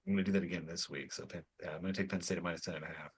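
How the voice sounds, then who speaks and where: A man's voice: low-pitched, fairly even intonation, very fast, husky. A middle-aged man co-hosting a sports podcast, bantering dryly about picks and pronunciations. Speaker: podcast co-host. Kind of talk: casual sports chat.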